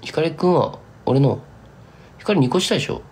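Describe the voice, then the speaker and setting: A man's voice: fairly high pitch, expressive, measured pace, slightly rough. A young man from Kumamoto chatting casually with fans on a live stream, rambling and slipping into thick Kumamoto dialect. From Kumamoto, Japan. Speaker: singer-songwriter streaming live.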